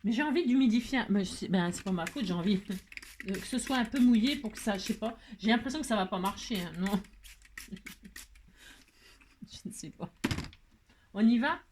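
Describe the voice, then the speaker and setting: A woman from France hosting a casual craft tutorial, talking in a playful, self-mocking way and tagging her sentences with a quick "hein". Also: mid-range voice, darkish tone, a little hiss or hum. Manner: cooing baby talk to her pet. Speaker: crafting video host.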